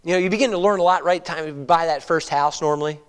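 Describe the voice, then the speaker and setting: An American pastor in his fifties delivers a conversational sermon full of rhetorical questions, often checking in with "all right?". His voice is on the high side, quick and smooth, with a big-room sound.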